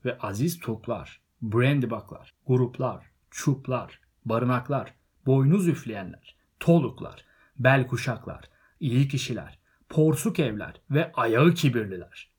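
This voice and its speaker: A man's voice: mid-range voice, animated, a little slow, a little mellow, husky. A man voicing a jovial elderly male hobbit who gives a grand, declaiming speech at a party.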